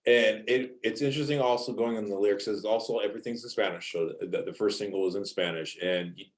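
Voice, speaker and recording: A man's voice: lowish voice, fast. A man hosting a casual rock interview in an upbeat, chatty way, laughing often. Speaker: interview host.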